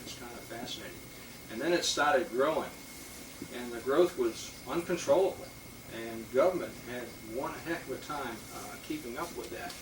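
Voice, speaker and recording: A man's voice: mid-range voice, normal speed. Man rambling through a history talk. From Boston, Massachusetts. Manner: rambling, many fillers and restarts. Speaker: police lieutenant giving a talk. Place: historic house meeting room. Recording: roomy, distant mic with loud hiss.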